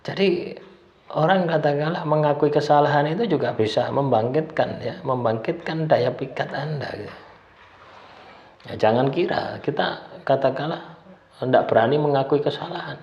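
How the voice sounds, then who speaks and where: A man's voice: fairly high pitch, moderate pace, a little mellow, slight background noise. Man dropping "ya" in a roomy room. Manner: keeps adding tag "ya" after phrases. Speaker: spiritual self-help speaker. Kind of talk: casual numbered-list talk. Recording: roomy, slightly dull sound.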